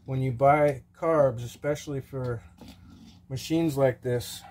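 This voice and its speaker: A middle-aged man with a mellow, relaxed voice talks through a repair at his workshop bench. He explains each step plainly and practically, with a casual "okay" now and then. He sounds like he is recorded up close by the camera over the bench. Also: mid-range voice, slow pace. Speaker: small-engine repair host. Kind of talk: casual how-to narration while working. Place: home workshop bench, open to the outdoors.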